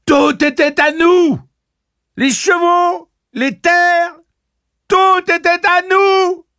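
A man reading aloud voices a furious, defiant young woman who shouts her accusations in a shrill voice. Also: lively intonation, a little slow, no room sound, studio quality. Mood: raging.

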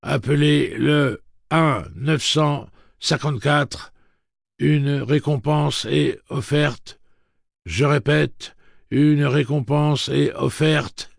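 A man voicing a male messenger robot that is powering down, reciting its shutdown message in a clipped monotone. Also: on the high side, very slow, gravelly, no room sound, clean studio sound, voice pushed up, heavily acted. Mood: mechanical. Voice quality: monotone, clipped machine delivery. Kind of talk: audiobook character voice.

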